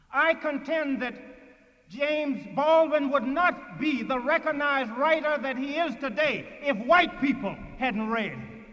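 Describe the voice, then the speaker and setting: A man with a Lowcountry Geechee accent giving an emphatic, deliberate speech in a preaching manner, with dramatic pauses and repetition. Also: sharp tone. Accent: Gullah Geechee Lowcountry. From Sea Islands of the southeastern United States. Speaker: orator. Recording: dull archival recording, long hall reverb.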